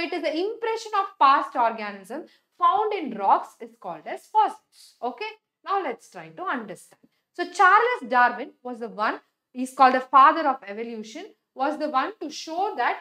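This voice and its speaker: High-pitched, very fast Tamil-accented woman teacher. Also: fairly bright tone. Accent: South Indian Tamil. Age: young adult. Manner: emphatic, repeats words, checks in with short questions. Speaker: biology teacher. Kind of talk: animated classroom lecture, reading and explaining slides. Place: indoor teaching studio with a display board. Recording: echoey room sound.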